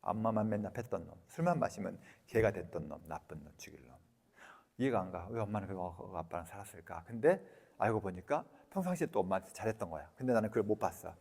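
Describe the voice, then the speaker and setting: A man giving a lecture, lively and talkative, who keeps quizzing his audience with questions. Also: lowish voice, fast talker, vocal fry, breathy edge, big-room sound.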